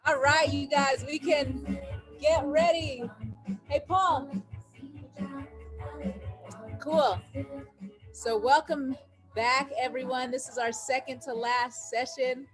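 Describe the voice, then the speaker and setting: An upbeat woman hosts a live-stream interview, her voice sitting a little high. She speaks directly to her viewers, and the audio comes through a video call. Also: steady tone, takes it slowly, long pauses, music in the background. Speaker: host.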